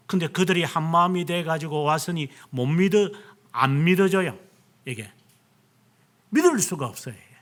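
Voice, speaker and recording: Male pastor, sermon, dramatic retelling, acted-out dialogue, bright ringing voice. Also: high-pitched. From South Korea.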